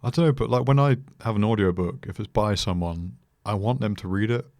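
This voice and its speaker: A young British man chatting as a podcast guest, dry and joking in a deadpan way. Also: fairly low pitch, brisk, no room sound. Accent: British English. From Britain. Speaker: podcast guest, creative director. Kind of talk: casual chat.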